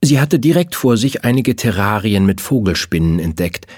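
Lively, low-voiced male storyteller. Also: moderate pace, breathy edge, dry recording, clean studio sound. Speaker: narrator. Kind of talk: scripted narration.

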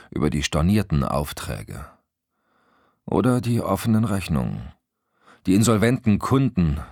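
A man narrating an audiobook in an expressive storytelling manner. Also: sits low, no echo, studio quality. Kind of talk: scripted narration.

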